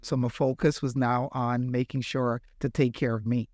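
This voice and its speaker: A man's voice: medium pitch, little pitch movement, normal speed, a little mellow, dry recording, clean studio sound. A middle-aged man from the Bahamas, a healthcare executive, answering interview questions with earnest, reflective storytelling. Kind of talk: interview conversation.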